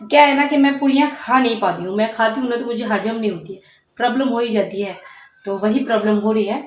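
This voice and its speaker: A woman's voice: on the high side, quick pace. A young woman chatting casually for her home vlog, rambling through everyday stories with lots of fillers. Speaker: vlogger. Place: at home in a kitchen. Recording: echoey home room.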